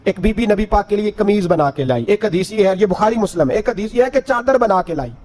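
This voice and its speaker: A man's voice: high-pitched, lively intonation, a little mellow. A man preaching an impassioned sermon. He tells religious stories with a rising and falling delivery and breaks into sung verse. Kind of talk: Urdu sermon storytelling.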